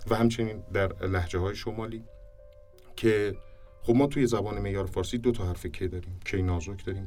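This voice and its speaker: A man's voice: low-pitched, darkish tone. A man, a speech and diction teacher, explaining things in an interview in an emphatic way and repeating his points for stress. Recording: distant mic with faint music behind.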